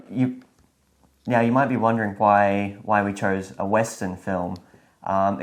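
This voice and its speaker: A man with a very deep voice co-hosts a casual chat. He explains things in a plain, matter-of-fact way. His delivery is easygoing and unhurried. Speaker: filmmaker and co-host.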